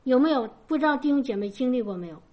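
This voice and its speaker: A woman's voice: sits high, expressive, racing, a little mellow. A woman in her forties preaching to her congregation in a conversational way, telling personal stories. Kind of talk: sermon.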